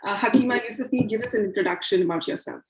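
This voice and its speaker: A woman with a medium-pitched voice hosts a virtual panel over a video call, speaking at a racing pace with a roomy sound from the call mic. Her scripted-feeling intro is welcoming but hesitant, full of "uh" fillers.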